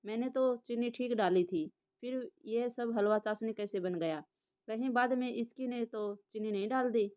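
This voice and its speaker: An indignant, grumbling young friend, voiced by a woman narrator in an audio story. Her voice is mellow and fairly high, heard through a dull, lo-fi recording. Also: normal speed, clean tone, no room sound, natural voice. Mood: puzzled.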